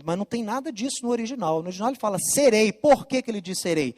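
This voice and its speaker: A man's voice: high-pitched, lively intonation, racing, a little mellow. A man gives a Bible lesson over slides, explaining emphatically and repeating his key points. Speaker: Bible teacher. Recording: long reverb.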